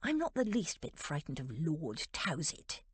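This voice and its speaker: A proud, prickly young noblewoman who answers tartly and indignantly, as a woman narrator puts her on in a romance audiobook. Close to the narrator's own voice, lively in pitch. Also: measured pace, slightly rough, dry recording, heavily acted. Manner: tart, indignant.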